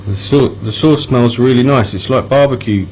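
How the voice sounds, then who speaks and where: A man talking casually as a food challenge vlogger, in halting phrases with pauses as he tastes spicy noodles. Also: medium pitch, darkish tone, slight background noise, low-quality recording. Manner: halting, pausing between phrases while eating spicy noodles. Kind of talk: casual vlog chat while tasting food.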